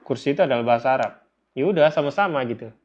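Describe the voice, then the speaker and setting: A man with an Indonesian accent, a religious teacher, explains things step by step in an informal lecture style, repeating phrases and putting questions to his listeners. His mid-range voice is animated and racing, and the audio is dull and lo-fi.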